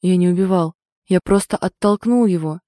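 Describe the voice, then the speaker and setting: A woman's voice: lowish voice, normal speed, mellow, no room sound, studio quality, close to an everyday voice. A woman reading an audiobook, voicing a shocked young man who lashes out in a daze. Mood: shaken. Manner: tense, dazed accusations. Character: shocked, dazed young man, furious and lost.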